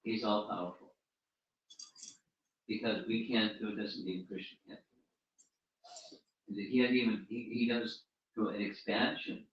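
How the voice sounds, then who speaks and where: A man, a spiritual teacher, giving an informal religious talk and answering questions. He speaks haltingly and often repeats and restarts his words. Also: on the low side. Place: room at a home gathering. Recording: roomy, distant, dull recording.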